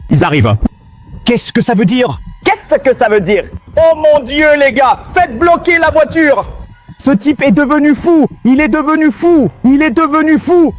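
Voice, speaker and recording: A man narrating his gameplay in an excited, panicky way, constantly calling out to his viewers. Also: very high-pitched, unhurried, faint music behind. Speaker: gaming video host.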